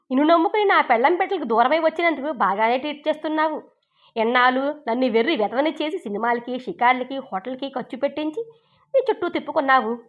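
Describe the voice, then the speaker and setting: A woman's voice: sits high, muffled recording, lightly acted. A woman reading as a sulking, remorseful husband. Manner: aggrieved, complaining tone. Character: remorseful middle-aged husband, sulking and self-pitying.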